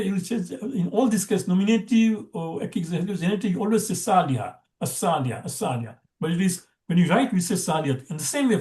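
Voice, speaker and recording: A man's voice: high voice, warm tone, roomy sound. A man teaching an Arabic grammar class, explaining patiently with frequent restarts.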